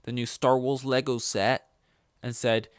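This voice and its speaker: A man hosting a podcast speaks with a medium pitch and level tone, a little slowly and smoothly, in a dry, studio-quality recording. He gives opinionated sports rankings casually, rambling with swearing and sarcasm and acting out mock quotes.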